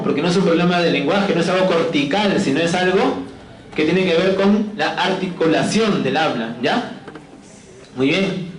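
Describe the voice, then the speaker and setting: Lively male lecturer in an echoey classroom. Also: high-pitched, slight background noise. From Peru. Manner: lively, asks "¿no?" and "¿sí?" constantly, jokes with students. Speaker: physiology lecturer.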